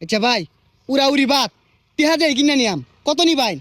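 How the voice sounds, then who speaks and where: An actor playing a frustrated motorist begging for petrol. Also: male voice, very high voice, lively intonation, fast talker, fairly bright tone, no room sound. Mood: haggling. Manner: pleading, exasperated. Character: exasperated man desperate for fuel. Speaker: stranded motorist in a comedy skit. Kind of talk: comic sketch acting.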